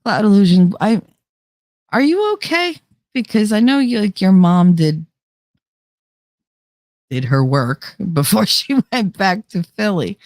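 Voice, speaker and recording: A young adult woman with a medium-pitched, darkish, animated voice speaks unhurriedly, leaving long pauses, on a dry recording. As a livestream host close to her desk microphone, she rambles casually through live comments, laughing often and sounding slightly nasal from a cold.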